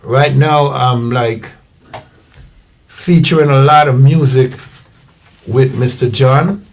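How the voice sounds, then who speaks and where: Older Jamaican man, guest singer, laid-back and rambling, mid-pitched voice. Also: slow. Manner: relaxed, rambling storytelling. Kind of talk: casual interview.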